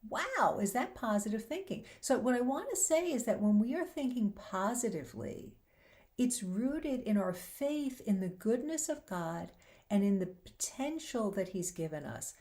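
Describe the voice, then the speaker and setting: A woman hosts a faith-based talk show, her voice on the high side with lively intonation, normal speed, and a darkish tone. She speaks earnestly and encouragingly, quoting scripture, though she is slightly losing her voice and sounds a little worn.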